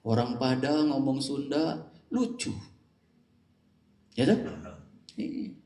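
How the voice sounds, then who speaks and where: A man's voice: mid-range voice, slow, mellow. A man giving a humorous religious lecture who jokes and keeps quizzing his audience with questions. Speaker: religious teacher. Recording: echoey room, mic at a distance.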